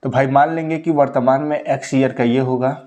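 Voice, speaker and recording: A man's voice: medium pitch, fairly even intonation, fairly quick, darkish tone. A young man teaching a maths lesson, explaining exam problems step by step and checking in with his students again and again. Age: 20s. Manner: repeats points with frequent "ठीक है" check-ins.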